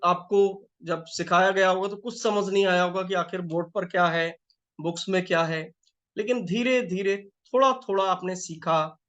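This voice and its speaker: A man's voice: high voice, fairly bright tone. A life coach, a man, teaching a live group session in a conversational way, repeating phrases and checking that listeners follow, while feeling a little unwell.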